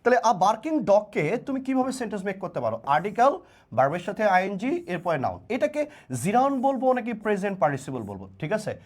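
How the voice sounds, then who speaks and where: A man's voice: sits high, big pitch swings, brisk. A man teaching a live online English class, playful and coaxing, calling his students children and answering them by name, with speech.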